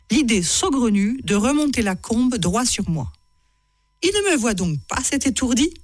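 A woman's voice: a little high, no echo. Chatty woman reading her own stories. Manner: chatty and self-mocking, with frequent small laughs. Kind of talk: reading book excerpts to an audience with asides.

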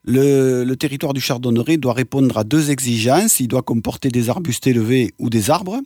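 A man presenting wildlife in an informal nature-documentary style, explaining didactically and pausing to reword as he goes. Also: medium pitch, darkish tone, dry recording, studio quality. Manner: didactic, pausing to search for words and reformulate. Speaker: bird presenter giving a talk.

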